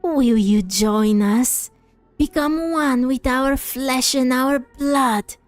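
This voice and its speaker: Woman putting on a slow, unhinged zealot villain. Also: sits high, no echo, soft background music. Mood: menacing, inviting. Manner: menacing, grandiose, drawn-out delivery. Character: unhinged zealous villain servant of a dark master. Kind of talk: video game dialogue read aloud.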